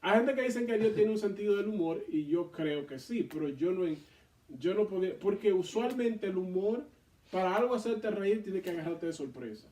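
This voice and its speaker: High-voiced man teaching Bible study. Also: normal speed. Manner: animated, reads scripture aloud then explains it. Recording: echoey room, mic far off.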